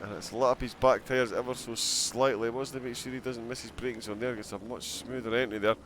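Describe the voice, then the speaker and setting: A man's voice: mid-range voice, fairly even intonation, fairly quick, a bit bright, a little hiss or hum. A man commentating a live sim-racing broadcast, chatting and giggling as he reacts to viewers' chat between race calls.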